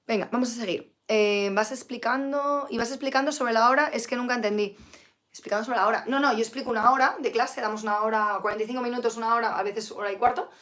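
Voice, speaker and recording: Hoarse woman teaching English. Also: fairly high pitch, fairly even intonation, quick pace, fairly bright tone. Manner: chatty, mixes Spanish and English, reads out viewer comments. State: sick with flu, tired. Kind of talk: live-streamed English lesson.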